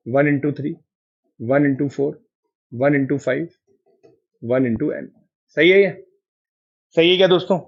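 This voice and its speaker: A man's voice: on the high side, slightly rough, lo-fi sound. A man with an Indian accent teaching a math class online. He keeps coaxing his students to answer and confirm each step.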